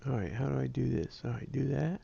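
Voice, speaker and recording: A man's voice: mid-range voice, animated, quick pace, gravelly, dark tone, highs cut off, slight background noise. A man, hosting a ham radio livestream in a casual, rambling, self-deprecating way. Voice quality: nasal. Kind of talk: casual chat.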